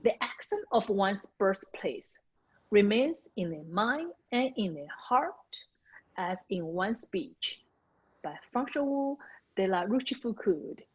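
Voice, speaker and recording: A woman's voice: medium pitch, very animated, slow pace, husky, lo-fi sound. A woman who learned English as a second language, an author carefully practicing the pronunciation of hard words with her coach. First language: not English. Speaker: author learning audiobook narration. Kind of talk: recorded coaching session.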